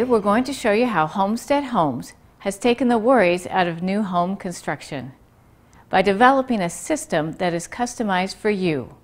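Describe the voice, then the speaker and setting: A woman reading scripted promotional narration as the narrator of an infomercial. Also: medium pitch.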